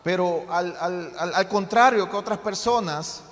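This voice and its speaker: A man's voice: high-pitched, unhurried, a bit bright. A man preaching a sermon as pastor, with many hesitant fillers, lifting his voice to fervent cries when he quotes pleas from scripture. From Honduras. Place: church hall. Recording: long hall reverb.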